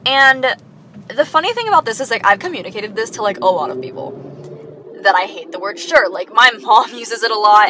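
A woman's voice: medium pitch, recorded from a distance, noisy background. A sixteen-year-old girl rambling casually on her podcast, full of likes and little laughs. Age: teens, sixteen. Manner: chatty, many likes, quick laughs, self-deprecating. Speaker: podcast host.

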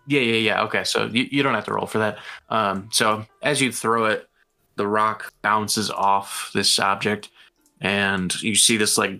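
A man running a tabletop game as game master, narrating quickly and casually with fillers. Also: lowish voice, bright, forceful tone.

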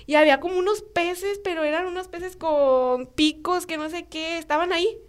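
With a very high-pitched voice at normal speed, this young woman speaks with a Mexican Spanish accent. She's a podcast guest telling stories casually and animatedly, imitating voices in the dialogue and leaning on plenty of fillers.

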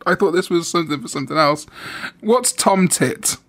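A man's voice: on the high side, animated, normal speed, a bit bright. A young Welsh man with a Welsh accent in casual chat, quizzing his friend with riddles, laughing often and swearing freely. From Wales.

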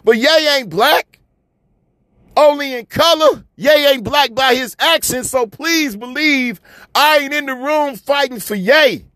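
A man's voice: very high voice, measured pace, bright, forceful tone, no room sound. A man from Chicago delivering a fiery, repetitive, preachy monologue rant, often swearing as he hammers his points home. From Chicago, USA. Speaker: commentator.

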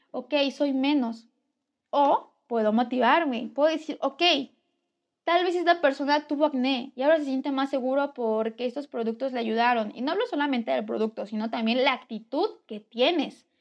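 A woman's voice: high voice, moderate pace, dull audio. Earnest Mexican woman giving advice. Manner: earnest, conversational, lively emphasis. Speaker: vlogger. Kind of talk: casual advice talk to camera. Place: home near a railway.

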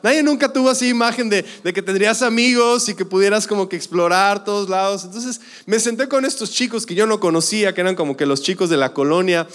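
A man's voice: sits high, fast talker, few pauses, a bit bright. A young man with a Mexican accent, telling a personal story on stage in a loose, conversational way full of fillers. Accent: Mexican Spanish. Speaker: speaker. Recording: echoey hall.

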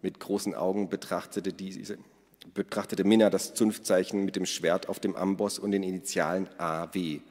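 A man reading a children's story aloud on the radio in a clear, even voice. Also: sits low, normal speed. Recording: long hall reverb.

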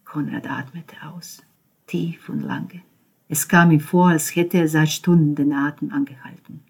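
A woman narrating an audiobook in a calm, measured reading voice. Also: low-pitched, husky. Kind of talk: scripted narration.

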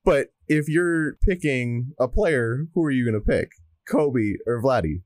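A man's voice: medium pitch, expressive, measured pace, a little mellow, no room sound. A young man co-hosting a sports podcast, talking in a laid-back, musing way. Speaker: podcast co-host. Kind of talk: casual sports chat.

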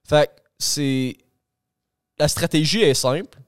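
A man's voice: on the high side, slow, clear, resonant tone, dry recording, clean studio sound. A man with a Québécois accent co-hosting a podcast, arguing his point in a loose, filler-heavy way. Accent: Québécois French. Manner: argumentative, loose, full of fillers like "là" and "ok". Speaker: podcast co-host. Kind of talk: casual podcast discussion.

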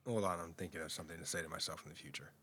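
A man's voice: a bass voice, very fast, sharp tone, husky. A man co-hosting a podcast in casual chat, thinking aloud and musing over questions.

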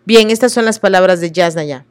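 Here a woman from Oaxaca, Mexico reads texts at normal speed in a voice on the low side, with no room sound. Stumbling on words she doesn't know, she stops to offer earnest, apologetic comments.

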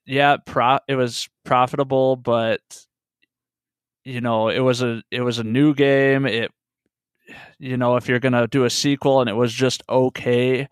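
Smooth-voiced, hesitant podcast man. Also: medium pitch, no echo, studio quality. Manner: hesitant, many fillers, thinking aloud. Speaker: podcast co-host. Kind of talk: casual gaming podcast chat.

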